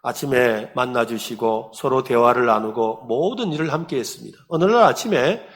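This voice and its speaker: A man's voice: mid-range voice, normal speed. A man, a pastor, preaching a sermon and telling stories, often asking the congregation questions. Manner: animated storytelling, asks the congregation questions.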